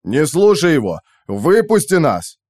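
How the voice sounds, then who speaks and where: A man's voice: medium pitch, takes it slowly, darkish tone, no echo, clean studio sound, lightly acted. A man voicing a frightened male security officer who pleads in panic. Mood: pleading.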